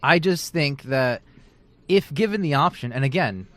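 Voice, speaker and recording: A man's voice: a little high, expressive, moderate pace, fairly bright tone, no room sound. A man in a casual debate, chatty and loose, with lots of filler words and restarts. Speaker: author and debater.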